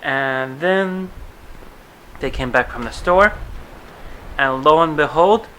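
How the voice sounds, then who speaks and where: A man's voice: on the high side, slow, a bit bright, a little hiss or hum, low-quality recording. A man with a Russian accent recapping a TV episode in a chatty, rambling vlog full of asides. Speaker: vlogger reviewing a TV show.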